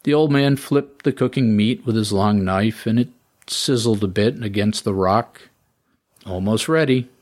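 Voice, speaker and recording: A man reading his own story aloud as scripted narration, in a steady, measured way. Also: on the low side.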